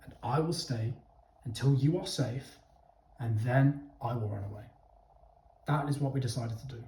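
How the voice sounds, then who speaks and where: This young man speaks at normal speed with a mellow, medium-pitched voice, sharing casual opinions with his viewers. Blunt and emphatic, he swears freely and keeps checking in directly with "okay?". It's recorded in a roomy, echoey space.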